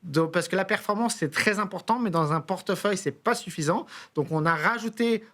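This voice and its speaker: A man's voice: sits high, a little fast, sharp tone. A man, an invited expert in a studio interview, explaining methodically and often restarting his phrases.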